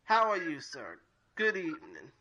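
Man, co-host, slightly high voice, very slow measured questions, careful, clear noise behind. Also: wildly swooping pitch, pushed and bright, lo-fi sound. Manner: careful, apologetic about rusty second language. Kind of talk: interview questions.

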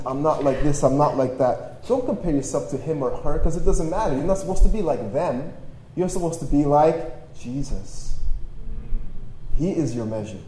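Speaking to young adults at a live gathering, a jokey priest gives a conversational, slangy, self-deprecating testimony in a dark-toned male voice on the high side. Originally from Poland, with Polish as his first language, he now hails from Toronto, Canada. The audio, via stage mic and PA, is echoey with faint noise in a large room.

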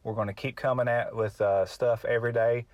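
A man's voice: mid-range voice, fairly even intonation, a little fast, a little mellow, no room sound, highs cut off. A middle-aged man from Kentucky with an Appalachian drawl, chatting informally as a solo podcast host in a hesitant, folksy, self-effacing way. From Kentucky, United States. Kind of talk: casual solo podcast chat.

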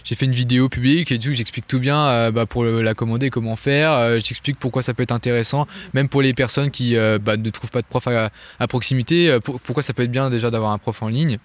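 A man from France, a guest on an interview, chatting casually in a quick, loose way with many fillers and restarts. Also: mid-range voice, steady tone. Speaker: guest, online Irish music teacher.

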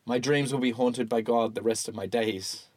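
A man's voice: medium pitch, fairly even intonation, moderate pace, a little mellow, dry recording, close to an everyday voice. A man voicing a weary, devout old angler who sounds strained and pleading. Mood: remorseful.

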